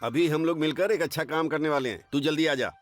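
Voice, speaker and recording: A man's voice: fairly high pitch, quick pace, soft background music, lightly acted. A man playing a self-important funeral guru. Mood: commanding. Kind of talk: Hindi film dub.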